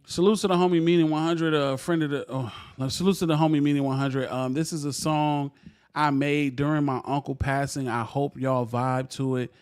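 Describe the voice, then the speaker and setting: A man's voice: a little high, fairly even intonation, normal speed, a little mellow, clean tone. A young man hosting a livestream music review, talking loosely with plenty of slang and jokes. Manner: loose, joking slang-heavy talk.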